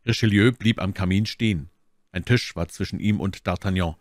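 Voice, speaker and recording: A man reading a classic novel aloud as an audiobook narrator, in an expressive, theatrical style. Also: low voice, normal speed, no echo, studio quality. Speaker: audiobook reader.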